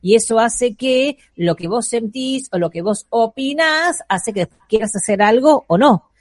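A woman's voice: a little high, expressive, unhurried, no room sound, clean studio sound. A woman with an Argentine Spanish accent, explaining on a radio show how thoughts shape children's emotions, acting out little voices in her examples. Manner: uses voiced examples and asides. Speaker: guest speaker on parenting and emotions.

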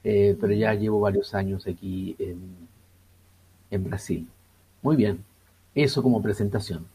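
A Chilean man in his sixties answers radio interview questions as a priest. His voice is low and gravelly with a husky edge. He talks very slowly, stopping often to search for words. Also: mellow. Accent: Chilean Spanish. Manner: slow and hesitant, many fillers. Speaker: priest, guest.

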